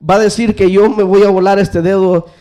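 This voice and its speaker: A man's voice: sits high, flat delivery, fairly quick, warm tone, voice pushed up, natural voice. A man playing a hot-tempered king in a sermon story, scolding and impatient. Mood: exasperated. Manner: exasperated, scolding.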